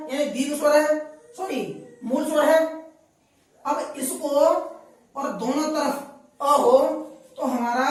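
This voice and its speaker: A woman teaching a grammar lesson, repeating each point and quizzing her listeners with questions. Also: high voice. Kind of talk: classroom lesson. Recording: very echoey room, voice from a distance.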